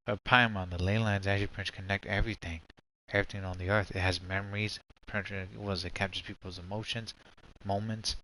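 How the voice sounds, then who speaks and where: A man's voice: deep voice, steady tone, fast, pushed and bright, a little hiss or hum, poor audio. A man giving casual, rambling, slangy live commentary as a game streamer. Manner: rambling, slangy, repeats "pretty much".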